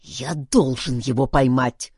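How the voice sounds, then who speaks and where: A woman's voice: mid-range voice, wildly swooping pitch, a little slow, darkish tone, slightly rough, dry recording, pitched above the performer's own voice, heavily acted. A stubborn male adventurer, arguing and protesting with a raised, swinging voice, as a woman reader acts him out. The read is dry and close-miked. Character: stubborn determined man, adventurer.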